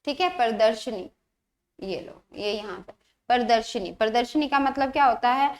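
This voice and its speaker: A woman's voice: fairly high pitch, normal speed. A woman teaching an exam-prep grammar lesson, explaining patiently, repeating words and asking rhetorical questions.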